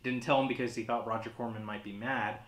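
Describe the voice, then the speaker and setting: A man's voice: medium pitch, steady tone, fast, a bit bright. A man presenting as a casual horror host, with a hesitant, rambling, awkwardly comic delivery. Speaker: horror host of a holiday movie show. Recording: roomy, echoey sound.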